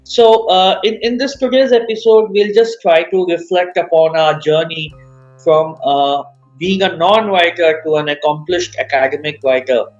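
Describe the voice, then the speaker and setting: A man's voice: a little high, normal speed, dull audio, faint music behind. A man co-hosting a podcast, asking earnest questions in a casual chat. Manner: earnest, many fillers and restarts. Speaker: podcast co-host.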